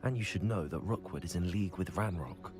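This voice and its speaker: A man voicing a calm, curious young male student in video game dialogue, matter-of-fact in manner. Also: low voice, fairly quick, over music, close to an everyday voice.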